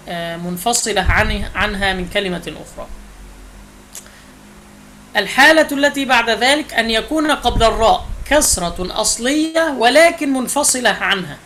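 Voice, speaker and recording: A man teaching Quranic recitation rules, explaining step by step and slowing down to recite each example. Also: high voice, pushed and bright, slight background noise, poor audio. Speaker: tajwid teacher.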